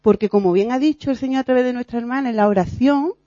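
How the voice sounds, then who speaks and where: Warm woman preaching, lo-fi. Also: on the high side, quick pace, no room sound. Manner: earnest and animated, acts out quoted voices, laughs at herself. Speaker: lay preacher in a prayer meeting. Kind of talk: informal sermon. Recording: dull lo-fi recording.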